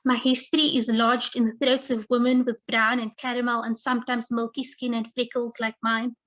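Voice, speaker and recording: A woman reading her own poetry aloud, measured and deliberate, over a video call. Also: on the high side, level tone, fairly bright tone. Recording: muffled lo-fi video call audio.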